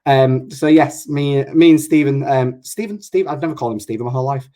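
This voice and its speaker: A man's voice: medium pitch, fairly quick, warm tone. A man with a northern English accent chats casually as an online show host. He rambles along and often breaks off his own sentences to start again. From Hull, England. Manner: chatty, rambling, self-interrupting. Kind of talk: casual chat.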